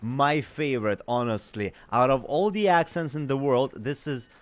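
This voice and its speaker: A man's voice: mid-range voice, moderate pace, no room sound. Giggly man streaming a game. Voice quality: chatty, giggly reactions. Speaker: gaming streamer. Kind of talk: casual let's-play commentary.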